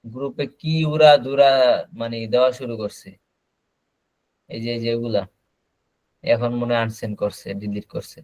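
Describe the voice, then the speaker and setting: A man teaching an online class, explaining slowly and repeating words over a video call. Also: medium pitch, a little mellow, no echo, poor audio. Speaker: English teacher.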